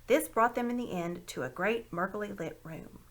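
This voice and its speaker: An amateur audiobook reader, a woman with a mid-range voice, narrates a children's story aloud expressively at a moderate pace.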